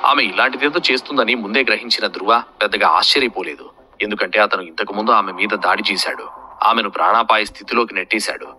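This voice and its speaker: Male narrator, low voice, sharp forceful tone, steady dramatic storytelling, faint music behind. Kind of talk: scripted narration of a fantasy serial.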